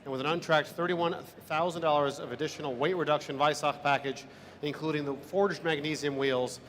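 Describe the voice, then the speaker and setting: Male auction announcer, fairly high voice, formal lot read-out, faint background noise. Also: steady tone, fairly quick, a bit bright.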